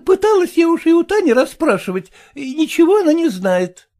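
A woman voicing an exasperated middle-aged mother who defends herself and tries to calm her husband, in an audiobook reading. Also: very high voice, a little fast. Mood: defensive. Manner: defensive, pleading.

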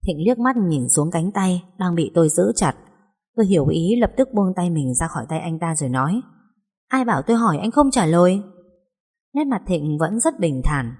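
A woman narrating a first-person story audiobook with a steady, expressive reading. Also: lowish voice, moderate pace, breathy edge.

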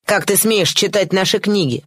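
A woman's voice: mid-range voice, normal speed, a bit bright, breathy edge, no echo, clean studio sound. A woman reading a story aloud, voicing a cruel, spoiled boy who sneers and threatens. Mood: contemptuous.

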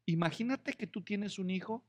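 A man preaches a lively, joking sermon and keeps pulling his congregation in with questions. His voice sits high for a man, and it trails off into a long church reverb. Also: moderate pace. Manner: humorous, acts out quoted voices, asks the congregation questions. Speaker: pastor. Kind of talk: expository sermon.

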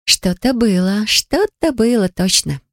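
A woman's voice: mid-range voice, animated, unhurried, no echo, studio quality, voice pushed up. A woman reading the part of a curious young woman teasing and prying at a friend with eager questions.

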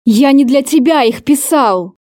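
A woman voicing a furious, cruel man who shouts and swears in an audiobook. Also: high voice, lively intonation, a little slow, no room sound, studio quality. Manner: shouting, swearing, spitting words.

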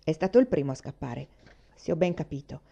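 A woman's voice: deep voice, expressive, a little fast, gravelly, dark tone, slightly rough, pitched below the performer's own voice, full character voice. A woman reading aloud, voicing a bossy older boy who hands down judgments in a sententious, lecturing way. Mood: stern. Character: bossy older boy, stern self-appointed judge.

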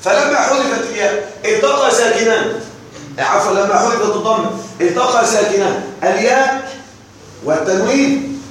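A man teaching an Arabic grammar lesson, slowly repeating rules and often checking that his students follow along. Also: sits high, fairly bright tone. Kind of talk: classroom lesson explaining morphology. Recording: very echoey room with faint noise.

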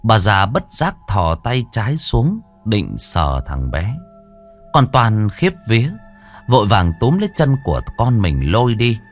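A man narrating a ghost story with a dramatic, drawn-out delivery. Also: fairly low pitch, sing-song, faint music behind.

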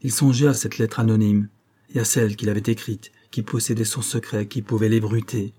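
A man narrating a novel as an audiobook, reading in a steady, measured way. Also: on the low side, husky.

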